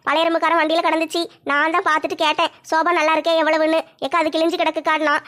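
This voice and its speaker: A woman's voice: very high voice, little pitch movement, racing, a bit bright. A woman playing a thrifty, bossy middle-aged village mother who talks bluntly and teases in a homemade comedy skit.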